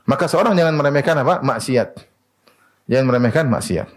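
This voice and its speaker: A man preaching a sermon in an animated way, asking rhetorical questions and answering them himself. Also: medium pitch, fairly quick.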